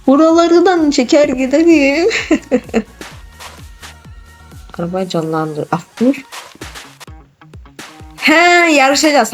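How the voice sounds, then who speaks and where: A gaming channel host giving excitable, casual let's-play commentary, exclaiming and teasing a co-player. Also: mid-range voice.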